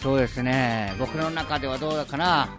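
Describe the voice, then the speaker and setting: A man's voice: medium pitch, a little fast, music in the background. A man hosting a casual radio chat, mixing in dialect words and laughing often. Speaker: radio show host.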